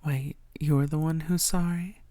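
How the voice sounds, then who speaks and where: In an intimate audio roleplay, a woman voices a female vampire who is both infatuated and predatory, murmuring deliberately and theatrically, often with a breathy edge. Her voice is deep, mellow and steady, with no echo, and her mood is sweet and coaxing.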